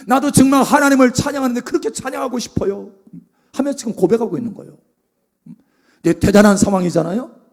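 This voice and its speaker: A man's voice: high-pitched, a little mellow, husky. A male pastor preaching a sermon, acting out prayers and asking the congregation questions.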